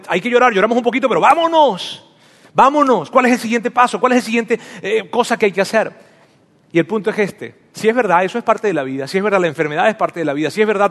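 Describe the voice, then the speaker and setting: A man preaching a sermon and telling his own story, speaking to the listener intimately as though in conversation. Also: on the high side. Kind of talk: sermon with personal testimony. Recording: long reverb of a large hall.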